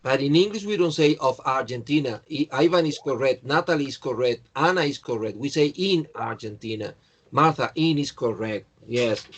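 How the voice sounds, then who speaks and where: A man's voice: medium pitch, expressive, normal speed, husky. A man teaching an English class, going through answers and correcting students by name in a patient way. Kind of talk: online class, checking answers.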